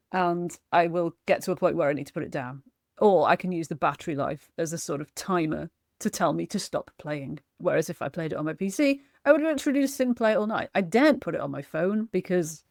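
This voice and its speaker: Woman, casual gaming vlogger, lowish pitch, dry close sound, chatty and self-mocking. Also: vocal fry, no room sound. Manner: chatty and self-deprecating, laughs often. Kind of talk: casual chat reviewing games.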